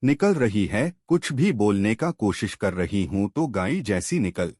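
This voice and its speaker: Man doing a young daughter-in-law, cartoon story, lamenting, low voice, lively pitch. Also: unhurried, dry recording, studio quality. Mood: panicked. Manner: lamenting, self-pitying.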